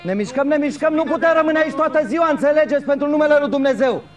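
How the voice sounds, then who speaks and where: High urgent man giving orders. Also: faint music behind. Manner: urgent, commanding, keeps repeating calm. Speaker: rescuer guiding people out in a staged emergency. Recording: distant outdoor camera audio.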